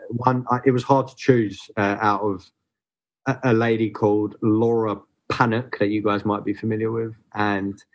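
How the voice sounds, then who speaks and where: A man, chatting as a podcast guest. His voice sits fairly low, and he speaks in an earnest, unhurried way, often restarting a phrase before he finds the words. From Southeast London. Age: 30s. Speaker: guest photographer. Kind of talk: casual podcast chat.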